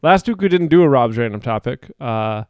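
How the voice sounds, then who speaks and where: Podcast guy, smooth clear voice, playful casual chat, a bit out of breath, dry close mic. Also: medium pitch, lively intonation, moderate pace, darkish tone, dry recording. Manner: playful, laughs often, hums tunes. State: a little out of breath. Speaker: podcast co-host.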